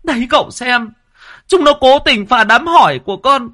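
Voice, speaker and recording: Man putting on a shrill indignant older woman. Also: expressive, moderate pace, pushed and bright, exaggerated voice. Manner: shrill scolding.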